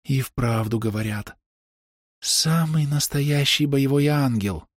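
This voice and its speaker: A man's voice: mid-range voice, no room sound, clean studio sound, voice pushed up. A man reading an audiobook, voicing a starstruck young male gamer who gushes in awe. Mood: awed. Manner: gushing with awe, slow and drawn out.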